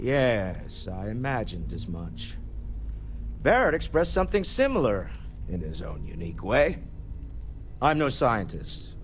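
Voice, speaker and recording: Animated, urbane older businessman. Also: on the low side, a little slow, a little hiss or hum. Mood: thoughtful, intrigued. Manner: urbane, self-assured, wryly conversational. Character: wealthy, proud older businessman, genteel and wry. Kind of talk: scripted video game dialogue.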